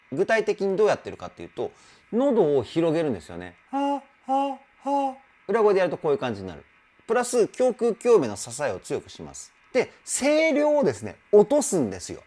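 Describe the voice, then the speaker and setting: A man working as a vocal trainer, analyzing a singer's live performance in an animated way, exclaiming and breaking off to sing short demos. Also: a little high. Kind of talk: song analysis commentary.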